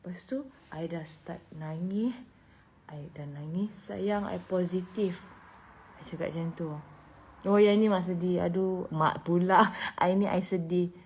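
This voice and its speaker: A woman in her thirties with a Malaysian Malay accent, telling a personal story in a vlog, emotional and animated, dropping to hushed whispers and rising to loud bursts. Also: fairly low pitch, measured pace, a little hiss or hum. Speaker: singer.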